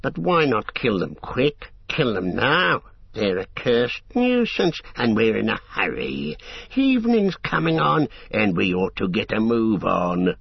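A gravelly, rasping orc, put on by a male narrator, urging a quick kill in a slow drawl that swoops high and low. The voice is rough and fried at the edges. It sounds dull and close. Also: very animated, no room sound, heavily acted. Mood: impatient. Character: impatient, bloodthirsty male orc raider. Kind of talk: audiobook reading.

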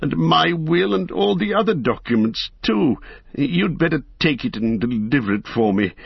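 Guy doing a high fluttery old hobbit, fussy and excitable, kinda husky, dull dry audio. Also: moderate pace, no room sound, full character voice. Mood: rueful. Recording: dry, slightly dull recording.

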